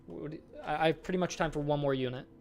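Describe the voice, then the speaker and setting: Relaxed man chatting on a dev stream. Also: fairly high pitch, fast, gravelly. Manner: relaxed, thinking aloud, chatting with viewers. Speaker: game developer streaming. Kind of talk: casual live-stream chat while working.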